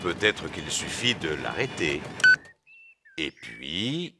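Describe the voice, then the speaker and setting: A man's voice: very deep voice, sing-song, slow pace, loud music behind the voice, full character voice. An actor playing a good-natured, slightly bumbling pig father in a children's cartoon. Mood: hesitant.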